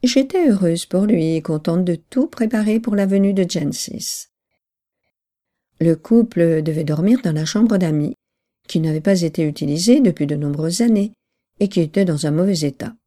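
A woman narrating a novel in a steady, measured storytelling voice. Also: fairly low pitch. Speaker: audiobook narrator.

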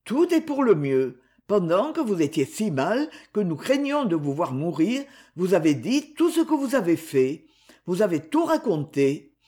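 A reader voicing a gentle, devout boy servant who soothes and reassures in an audiobook. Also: medium pitch. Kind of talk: audiobook character reading.

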